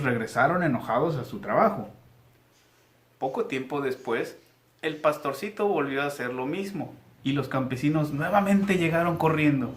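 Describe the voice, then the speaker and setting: A man's voice: fairly high pitch, fairly bright tone. A male teacher, reading aloud to young pupils in a patient, guiding way. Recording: echoey room.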